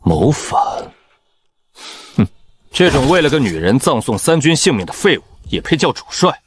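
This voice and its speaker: An actor playing a blunt, hot-blooded rebel general with a coarse commanding manner in an animated drama. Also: male voice, medium pitch, normal speed, slight background noise, natural voice. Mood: cold defiance. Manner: coarse, commanding, often shouting. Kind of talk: dramatized animated-comic dubbing.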